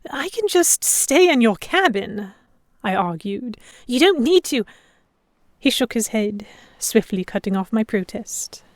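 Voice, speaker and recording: A woman with a fairly high voice, big pitch swings, and a measured pace narrates an audio drama in first person. She plays a defiant, sheltered young lady held by pirates, telling the story in an articulate, literary, reflective way, with a tense, alarmed mood. There is no room sound.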